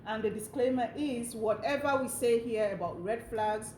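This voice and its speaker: Co-hosting a casual chat, this woman talks with frequent fillers at a moderate pace. Her voice sits high but has a darkish tone, and the room is echoey with faint noise.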